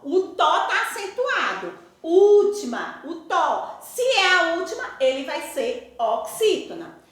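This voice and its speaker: A woman teacher with a Brazilian Portuguese accent giving a recorded school lesson, stretching out example words slowly and with emphasis. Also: very high-pitched, sing-song. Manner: slow, drawn-out, emphatic over example words. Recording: very echoey room.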